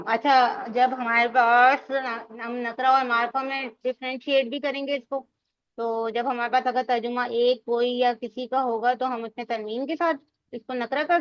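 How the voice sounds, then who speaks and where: A woman with a high voice teaches a grammar class, explaining each rule patiently and asking her students questions as she goes. Her voice comes through dry, with no room echo, and a little muffled. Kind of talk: online Arabic grammar lesson.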